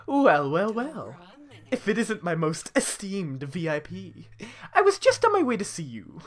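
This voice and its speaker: A woman doing a scheming hotel owner from a video game, sly and smug as she welcomes a guest. The voice is on the low side and swoops up and down a lot, and the delivery is slow and drawn out. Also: wildly swooping pitch.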